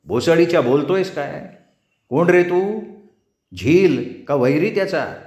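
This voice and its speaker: A man's voice: fairly high pitch, animated, slow, pitched above the performer's own voice. A man doing an angry lame villager. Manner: shouting, coarse and scolding. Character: lame older village man on crutches, hot-tempered. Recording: roomy echo.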